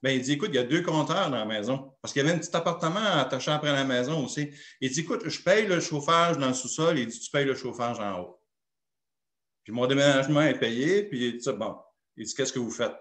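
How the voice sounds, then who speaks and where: A man's voice: mid-range voice, brisk, fairly bright tone, reverberant. A man with a Québécois French accent, a pastor telling a personal story in a sermon and acting out the dialogue. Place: church.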